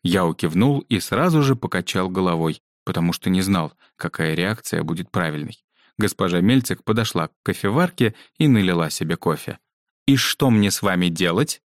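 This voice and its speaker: A man narrating a children's book aloud in an expressive way, giving each character a voice. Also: low voice, moderate pace, no echo, clean studio sound. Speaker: audiobook narrator.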